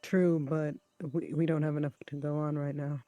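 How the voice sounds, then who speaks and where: Male tabletop player, slightly high mellow voice, casual game talk. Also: little pitch movement, moderate pace, dry recording.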